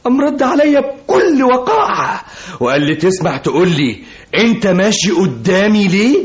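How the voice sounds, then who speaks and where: An actor playing an anxious, excitable Egyptian husband who tells a story with great animation. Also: male voice, high-pitched, moderate pace. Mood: agitated.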